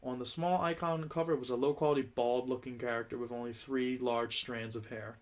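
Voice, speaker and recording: A man reads a script aloud in a casual, joking read-through. His voice sits at an ordinary middle pitch, and he often stumbles and restarts his lines. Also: fairly even intonation, brisk. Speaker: script reader.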